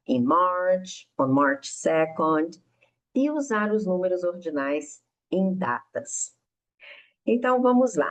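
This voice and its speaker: A woman from Brazil teaching an English lesson, clearly modeling words for learners to repeat. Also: on the low side, darkish tone, poor audio. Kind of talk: recorded online lesson narration.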